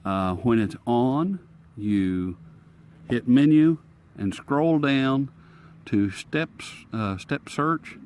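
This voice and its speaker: Speaking extremely slowly in an expressive, mid-range voice with a darkish tone, a man who reviews and hosts on radio tries out a gadget by hand. He muses aloud in a homespun, relaxed style while distinct static and radio noise hiss in the background.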